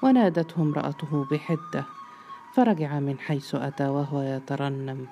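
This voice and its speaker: A man narrating a novel as an audiobook in a steady, measured way. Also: on the high side, soft background music. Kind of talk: scripted narration.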